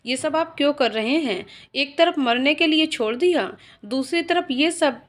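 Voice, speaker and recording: A woman's voice: high voice, unhurried. A woman voicing a hurt, angry young wife who speaks bitterly and reproachfully, in a dramatic story reading.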